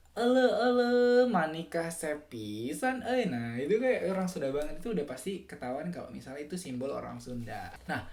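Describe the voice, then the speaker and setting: A young man from West Java talking casually on a solo podcast. He is animated, laughs often, and slips into sing-song imitations. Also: on the high side, roomy sound. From West Java, Indonesia. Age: young adult. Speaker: student podcaster.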